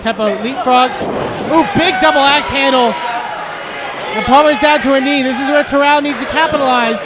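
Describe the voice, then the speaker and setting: A man works as a pro wrestling commentator, calling live play-by-play in a very high-pitched voice. He is excitable and shouts out the moves as they happen. A loud crowd and heavy venue noise surround him. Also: moderate pace.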